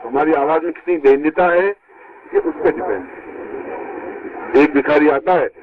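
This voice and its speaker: A man giving a spiritual discourse to his disciples, heard from an old, worn tape, emphatic and leaping high when he stresses a point. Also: measured pace, phone-quality sound, crowd noise. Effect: old worn tape recording. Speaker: spiritual teacher.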